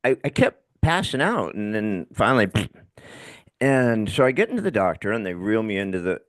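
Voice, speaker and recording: A man's voice: lowish voice, moderate pace, no room sound, studio quality. Lisping middle-aged man telling stories. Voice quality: slight lisp. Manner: animated storyteller, frank and self-deprecating. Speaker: podcast guest. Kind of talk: conversational interview.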